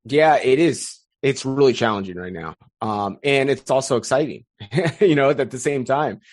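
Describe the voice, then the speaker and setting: A man in his thirties talks casually as a podcast guest, steady in pitch and energetic, with frequent restarts as he spins a story. The sound is dry and close, with no room around it. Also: normal speed, no room sound. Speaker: podcast guest, content strategist. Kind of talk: casual interview chat.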